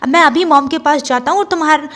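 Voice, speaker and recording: A woman's voice: sits high, fast talker, fairly bright tone. A woman voicing a playful, teasing young man who whines and complains. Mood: pestering. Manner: teasing, petulant.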